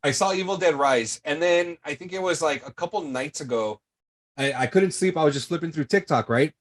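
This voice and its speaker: Guy on a podcast, kinda high voice, rambly and swears a lot, super laid back. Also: brisk. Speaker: podcast co-host. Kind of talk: casual chat.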